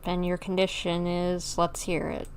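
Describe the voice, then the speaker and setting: This time the streamer's lowish voice is completely flat and unhurried, with a little hiss or hum behind it. She still gives casual, playful gameplay commentary and reads each dialogue choice aloud.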